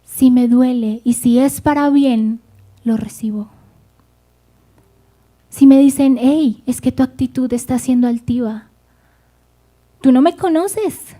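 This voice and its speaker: High-voiced woman preaching a fervent sermon. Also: a little slow, mellow. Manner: fervent, addresses the congregation directly.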